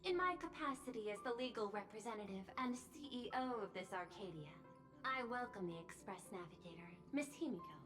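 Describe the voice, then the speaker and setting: A woman's voice: mid-range voice, animated, a little fast, music in the background, close to an everyday voice. An actress voicing a poised, calculating woman CEO in a video game, formal and faintly menacing.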